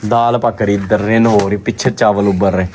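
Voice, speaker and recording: A man with a Pakistani Punjabi accent chatting casually to his vlog viewers, expressive and often repeating himself. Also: lowish voice, fairly quick, background noise. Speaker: vlogger.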